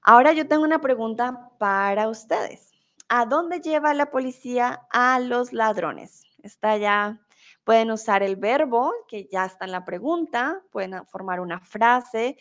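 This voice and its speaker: A woman's voice: on the high side, unhurried. A young woman teaching a live online Spanish lesson, reading out viewers' comments with patient encouragement and frequent laughter.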